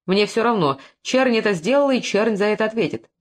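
A man's voice: sits high, lively intonation, fairly quick, voice pushed up. A woman reading an audiobook, voicing a young hot-tempered prince with a commanding manner. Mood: vengeful.

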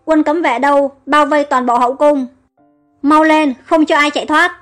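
A woman voicing a stern male palace commander giving brisk orders. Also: high-pitched, fairly even intonation, faint music behind, lightly acted.

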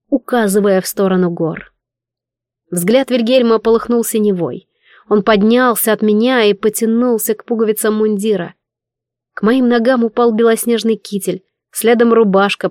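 A woman narrating a first-person fantasy audiobook with expressive, emotional storytelling. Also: medium pitch, normal speed, dry recording, clean studio sound.

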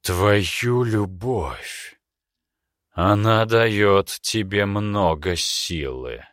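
A man voicing a cunning, imperious male demon with a slow, drawn-out, purring delivery. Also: lowish voice, fairly bright tone, dry recording, studio quality. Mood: sly.

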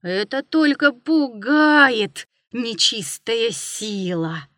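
A woman's voice: fairly high pitch, expressive, drawn-out words, sharp tone, no room sound, clean studio sound, full character voice. A woman voicing a stubborn old village grandfather who grumbles to himself, in a storybook reading. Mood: grumbling.

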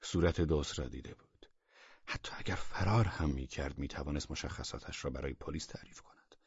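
A man narrating an audiobook story in a measured, expressive reading. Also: rumbling low, breathy edge, no room sound, muffled recording.

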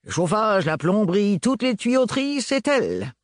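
A jovial redheaded servant who chats in a chummy, teasing, slangy way, as a man puts him on. The voice sits well above the reader's own and leaps about with lively swings in pitch. It sounds close and dry. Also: moderate pace, dry recording. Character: jovial tall redheaded male servant, sly and wheedling. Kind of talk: audiobook character voice.

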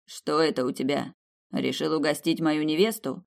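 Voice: medium pitch, steady tone, normal speed, creaky, natural voice. An audiobook reader voicing a gloomy, suspicious young prince who speaks curtly through his teeth. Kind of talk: audiobook character voice.

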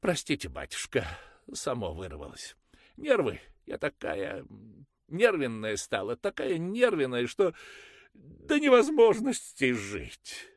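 A man doing a shrill furious peasant mother. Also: huge pitch swings, takes it slowly, no echo, clean studio sound, heavily acted. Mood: ranting. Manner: screeching, ranting. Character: shrill angry peasant mother, harsh and pious.

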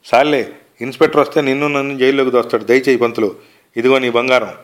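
A man reading aloud and voicing a coarse, bossy older woman who orders people about roughly. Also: medium pitch, fairly even intonation, fast talker, natural voice. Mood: brusque. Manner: rough, commanding.

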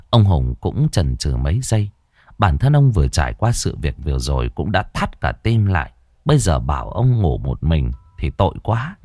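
A man telling a ghost story in a lively, dramatic way. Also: sits low, dry recording, studio quality.

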